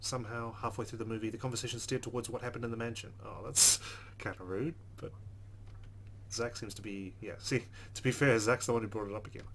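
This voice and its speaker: A man with a mid-range, slightly bright voice hosts a let's play, reading visual novel narration briskly and expressively with chatty asides, though his tone stays steady. Guitar game music plays in the background, and there's a little hiss or hum.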